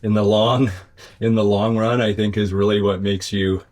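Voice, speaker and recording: Male interview guest, business owner type: deep, level voice, reflective and conversational, feeling out his words. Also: level tone, normal speed, darkish tone.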